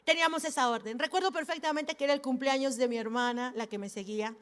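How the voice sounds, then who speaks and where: High-voiced woman preaching with animation. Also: fast talker. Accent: Peruvian. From Peru. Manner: animated, acts out family members' voices. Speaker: pastor. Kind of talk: sermon with storytelling. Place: church hall.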